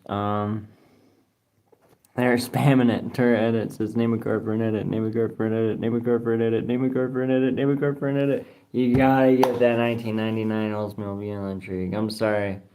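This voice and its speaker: This livestream host talks a little fast in a lowish, slightly mellow voice with little pitch movement. Streaming casually from his phone, he reads viewer comments in a slangy, rambling way, cursing and spelling names out letter by letter.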